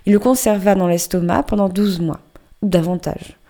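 A woman's voice: medium pitch, moderate pace, dark tone, close to an everyday voice. Woman reading as a chatty ship's doctor. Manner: lecturing, anecdotal. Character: garrulous male ship's doctor, sly and chatty.

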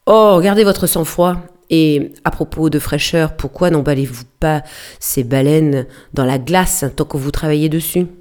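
A woman voicing a brash, joking male whaling mate who mocks and hails loudly across the water. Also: deep voice, a little slow. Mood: mocking.

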